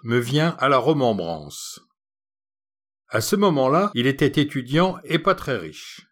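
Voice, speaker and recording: Man wryly reading a comic tale. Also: medium pitch. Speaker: narrator. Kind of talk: reading a humorous short story.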